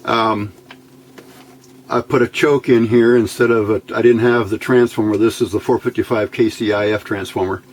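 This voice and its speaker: Thinking aloud in brief, informal phrases, a man demonstrates electronics hands-on at his workbench indoors. He speaks at a moderate pace in a fairly low, steady voice, captured on a noisy home video.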